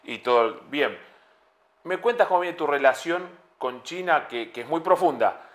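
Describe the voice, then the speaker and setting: A man's voice: a little high, expressive, moderate pace, fairly bright tone. A man hosting a TV interview, chatty and joking, asking long winding questions. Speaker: TV talk show host. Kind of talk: conversational interview.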